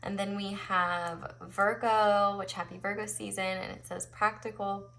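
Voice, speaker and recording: A woman hosts a pick-a-card tarot reading. Her voice is bright and forward, at a middling pitch. She talks to viewers casually and encouragingly, as in a conversation. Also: level tone, unhurried, gravelly, poor audio. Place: indoors at a tabletop, overhead camera on the cards.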